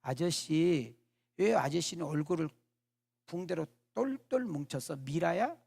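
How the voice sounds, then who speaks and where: A man voicing a chatty, innocent nine-year-old girl in a sermon story, talking slowly in a coaxing, sing-song way. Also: fairly high pitch, animated, gravelly, darkish tone, heavily acted. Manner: coaxing, slow, sing-song childish talk.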